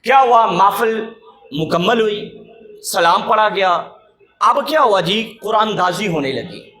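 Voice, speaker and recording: A man telling a sermon story in an impassioned way, often rising to a shout. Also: high-pitched, animated, roomy sound. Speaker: preacher.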